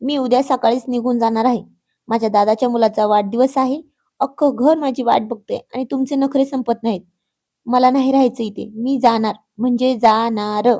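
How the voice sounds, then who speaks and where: A woman's voice: a little high, steady tone, moderate pace, dark tone, close to an everyday voice. A woman voicing a sulky young wife who pouts and acts coy with her husband. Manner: pouty, coy. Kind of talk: acted dialogue in a read story.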